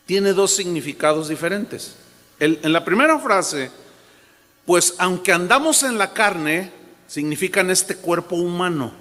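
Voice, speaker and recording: A man's voice: high-pitched, sharp tone. A man preaching a sermon as pastor, emphatic and repetitive, with a habit of acting out other people's words. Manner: emphatic preaching, repeats phrases, quotes people in changed voices. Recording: long hall reverb.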